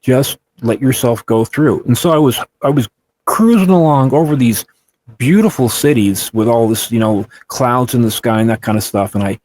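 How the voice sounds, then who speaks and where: A man's voice: medium pitch, moderate pace, a little mellow, slight background noise. A man in his sixties co-hosting a casual chat, telling long, earnest personal stories in a rambling way. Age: 60s.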